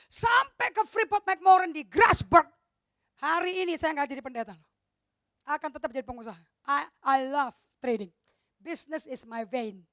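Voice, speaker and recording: A middle-aged woman pastor preaches with force and drops English phrases into her talk. Her voice sits high. The sound is dry and close. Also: fairly bright tone, no room sound. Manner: emphatic, switches into English phrases. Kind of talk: sermon. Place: church hall.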